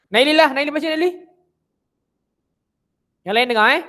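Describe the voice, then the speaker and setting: Speaking slowly in a very high voice, this man with a Malaysian Malay accent runs an online religion class for children. He keeps things lively and fills the lesson with questions for his pupils.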